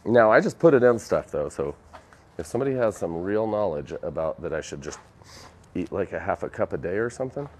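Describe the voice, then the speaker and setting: Low-voiced young man, casual live demo, joking about himself, faint background noise. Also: lively intonation, brisk. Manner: self-deprecating, joking, chatty with viewers. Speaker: epoxy demonstrator on a live stream. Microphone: phone camera.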